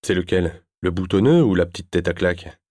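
A man's voice: sits low, fairly quick, darkish tone, no room sound, studio quality. A man doing a curt, impatient grown man.

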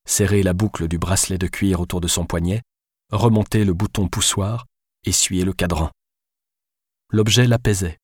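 A man reads a novel aloud in a measured, even storytelling manner. His voice is fairly low, and the sound is dry and close to the microphone. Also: no room sound. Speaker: audiobook narrator. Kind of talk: scripted novel narration.

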